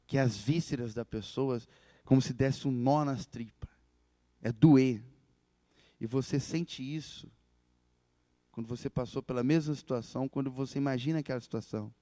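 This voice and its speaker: A man preaching a sermon in a church, telling the story with animated delivery and acting out the quoted voices. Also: medium pitch, no echo, long reverb tail.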